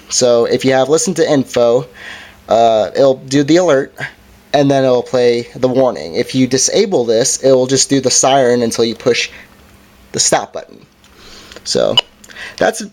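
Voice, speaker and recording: A man with a medium-pitched voice gives a hands-on product review, showing its features step by step. He speaks informally and hesitantly, with an apologetic manner.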